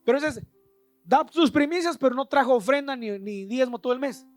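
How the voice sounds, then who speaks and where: A man's voice: extremely high pitch, fairly quick, soft background music. A man preaching a Sunday sermon as pastor, urging his congregation to repeat after him. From Guatemala. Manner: preaching to a congregation, calling for repetition.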